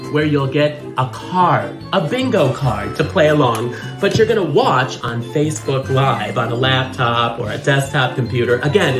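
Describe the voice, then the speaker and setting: A man's voice: a little high, echoey room. A man playing a perky, campy beauty-queen bingo hostess, chatting theatrically as a bingo caller with teasing asides. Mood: perky, welcoming. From Minnesota. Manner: theatrical, chirpy, rambling with teasing deadpan asides. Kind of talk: chatty bingo caller patter to a live online audience.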